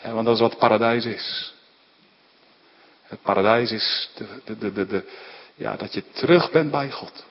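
A man preaching a sermon, emphatic, dropping into hushed near-whispers and rising into fervent appeals, with many tag questions and restarts. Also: lowish voice, normal speed, long pauses, slight background noise. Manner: frequent "hè" tags and stumbling restarts. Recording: dull lo-fi sound with long hall reverb.

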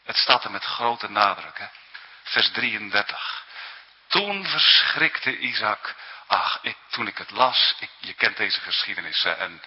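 A man's voice: fairly low pitch, breathy edge. A man preaching a sermon in an earnest, emphatic way, often tagging his points with questions, on a dull, lo-fi recording with a long hall echo.

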